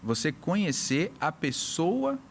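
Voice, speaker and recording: A man from Brazil, a hypnotherapist on a casual podcast, explaining with lively little acted-out scenes. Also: on the high side, slow, gravelly, a little hiss or hum. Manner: animated, acts out little scenes with voices. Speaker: hypnotherapist guest.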